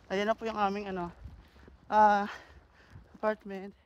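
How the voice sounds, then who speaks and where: A man with an Ilonggo accent chatting casually on a walking vlog outdoors, playful and quick to laugh. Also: high-pitched, flat delivery, highs cut off. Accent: Ilonggo Filipino. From Philippines. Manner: playful, laughs often, jokes around. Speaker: vlogger. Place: outdoors on a cold street.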